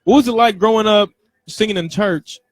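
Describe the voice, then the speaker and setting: A man's voice: high-pitched, moderate pace, dry recording. A man hosting an interview in a casual, encouraging, slangy way, often repeating short affirmations. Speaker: interviewer, show host.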